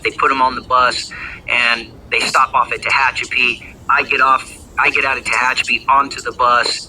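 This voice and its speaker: A man's sharp, medium-pitched voice recounts his past as a gang member in a loose, rambling way, peppered with slang, swearing and fillers. The recording is low-quality, with a little hiss or hum.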